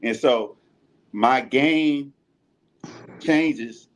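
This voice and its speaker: A man talking in a rambling, halting way in a casual podcast chat. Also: medium pitch, a little hiss or hum. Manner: rambling, halting, with many restarts.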